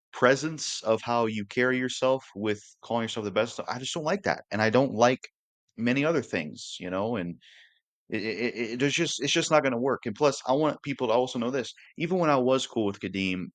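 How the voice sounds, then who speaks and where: A man's voice: on the low side, a bit bright, dry recording. A man in his twenties talking earnestly to camera in a casual, repetitive way, with the odd curse. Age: 20s. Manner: earnest, repetitive, occasionally cursing. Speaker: YouTuber.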